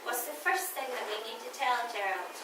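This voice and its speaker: A woman's voice: on the high side, a little fast. A woman primary school teacher patiently giving instructions to young children in her classroom. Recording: echoey classroom, distant mic, noisy.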